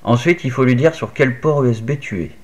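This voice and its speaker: A man's voice: medium pitch, brisk, a little mellow. A man casually walking the viewer through a hands-on electronics tutorial, step by step, with little fillers like "hop" and "tac". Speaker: maker explaining an Arduino project. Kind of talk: casual screen-recorded tutorial.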